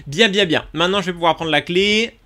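A man giving excitable let's play commentary, talking to his viewers as he plays, with sudden yelps. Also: brisk. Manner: excitable, talks to viewers while playing; sudden yelps and jumps in pitch. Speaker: gaming YouTuber.

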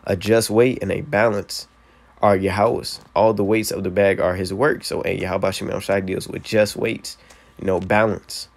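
A man reading old-style Bible verses aloud and breaking them down in relaxed slang for a video, tagging lines with "man" and "so, hey". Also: sits low, moderate pace, vocal fry. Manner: reads King James verses then explains in street slang, "man" and "hey". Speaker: scripture teacher. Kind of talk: casual scripture breakdown video.

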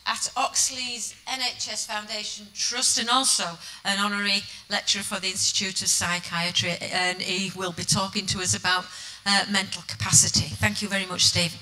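Woman, conference session chair, formal introduction, polite and a little halting, very bright voice. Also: mid-range voice, flat delivery, rough recording. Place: conference venue.

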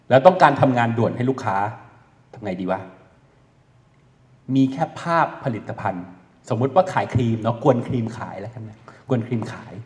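A man giving a lively, joking lecture on AI at a training course, often asking the audience questions and dropping blunt slang. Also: mid-range voice. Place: lecture hall. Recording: echoey hall recording.

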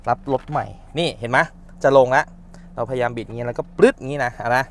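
A man's voice: medium pitch, quick pace. A man working as a car mechanic hosts a casual how-to video, chatting and grunting with effort as he works. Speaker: car mechanic and channel host.

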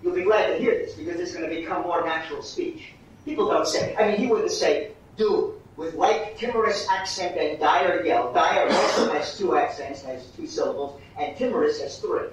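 A man coaching actors through a master class, halting and repeating words as he explains. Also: on the high side. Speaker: acting teacher. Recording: distant echoey room, muffled, faint hiss.

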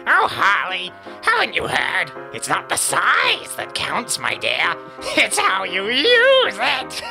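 Male clown villain, comic dub, slow theatrical phrasing, bright piercing tone, gleeful cackle. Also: extremely high pitch, wildly swooping pitch, vocal fry, faint music behind, voice pushed up, exaggerated voice, low-quality recording. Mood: gleeful, sly. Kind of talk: comic dub character acting.

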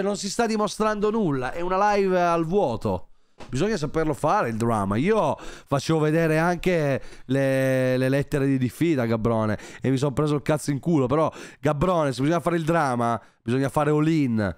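A man's voice: medium pitch, darkish tone, clear, resonant tone, no echo, studio quality. A man commenting live on a stream in a sarcastic, joking and crude way. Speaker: streamer reacting to a podcast.

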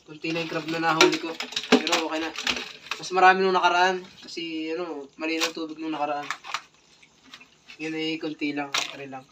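A Filipino man in his thirties, a spearfisher and vlogger, casually narrates to viewers while showing off his catch in a small tiled kitchen at night, thanking them again and again. His high voice moves little in pitch, fairly quick with frequent pauses. The phone audio is distant, with clear background noise.

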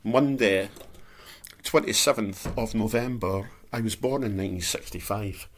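A man's voice: lowish voice, measured pace, slight background noise. A Scottish man in his late fifties with a lisp from loose dentures, chatting casually to his vlog viewers and repeating his phrases. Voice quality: lisping speech from loose dentures. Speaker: vlogger, channel host. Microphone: handheld camera at arm's length.

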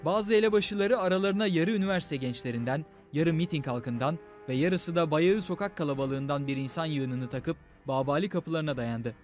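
A proud, confident Ottoman commander, performed by a man, speaking in a dramatic documentary reading. The voice sits fairly high, with faint music underneath. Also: normal speed, hardly any pauses, darkish tone, close to an everyday voice. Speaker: voice actor reading period quotes.

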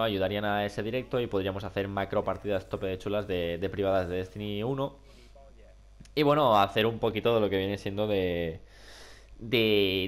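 A young man from Spain speaks with a Spain Spanish accent in a lowish voice. A cold leaves him congested and nasal, with a duck-like sound. He rambles casually and colloquially, like a gaming YouTuber talking over gameplay. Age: young adult. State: sick with a cold. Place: small room at home.

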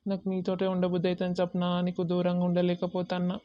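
A woman's voice: fairly low pitch, completely flat delivery, fast, no echo, natural voice. A woman voicing an earnest young village man in love. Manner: earnest, placating. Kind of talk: cartoon voice acting. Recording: dull lo-fi audio.

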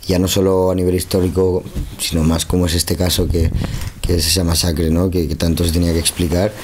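Casting: rambling young man, very low and dark voice. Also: a little hiss or hum. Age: 20s. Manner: rambling, repeats words while thinking. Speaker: lead actor. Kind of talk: interview answers. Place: indoor press room in front of a film poster.

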